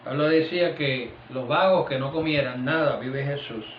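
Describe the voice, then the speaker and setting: Speaking at normal speed in a mid-range voice, a lay preacher leads an informal family prayer sermon, lowering his voice each time he repeats "vive Jesús" and "aleluya" between phrases. The audio is an echoey, dull, lo-fi room recording with a little hiss or hum.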